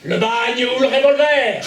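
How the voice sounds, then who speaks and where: A man's voice: very high-pitched, fairly bright tone, exaggerated voice. An actor playing a gleeful, mocking male friend on a theatre stage, gloating and crowing. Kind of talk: amateur stage farce acting. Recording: echoey hall, far mic, faint noise.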